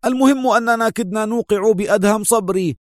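A man voicing a cunning male spy who imitates a henchman's voice over the phone, speaking slowly and smugly. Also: sits high, no echo, studio quality, pitched above the performer's own voice, close to an everyday voice.

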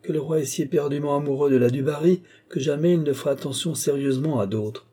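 A man's voice: fairly high pitch, fast, warm tone, voice pushed up, close to an everyday voice. A man voicing a sly old duke, dry and mocking. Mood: ironic. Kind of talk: audiobook character reading.

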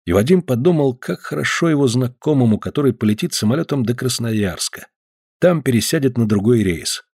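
A man's voice: mid-range voice, expressive, fairly quick, a little mellow, breathy edge, dry recording, clean studio sound. A man narrating a crime story as an audiobook, reading expressively and voicing each character.

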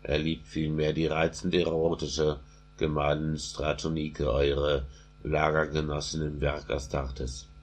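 A man voicing a wise, respectful court physician in slow, solemn verse. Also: a bass voice, full character voice.

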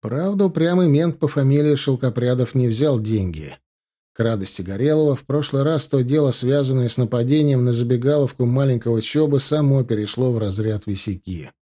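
A man's voice: mid-range voice, brisk. A man narrating a crime novel as an audiobook, telling the story steadily. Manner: steady storytelling with character quotes.

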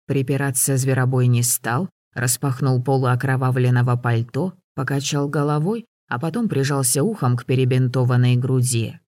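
A man narrating an audiobook in a steady, measured way. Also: mid-range voice, no room sound, clean studio sound. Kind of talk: scripted narration.

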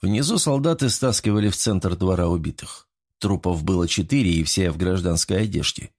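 Low-voiced man reading an audiobook. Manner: steady, measured storytelling. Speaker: audiobook narrator. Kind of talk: scripted narration.

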